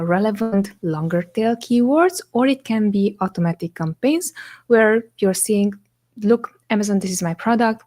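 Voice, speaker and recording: Hosting a live question-and-answer stream, this agency co-founder, a young woman from Romania whose first language is Romanian, speaks English in a mid-range female pitch. Her explanations unfold one step at a time, easygoing and conversational, with frequent "um" pauses and "right?" check-ins.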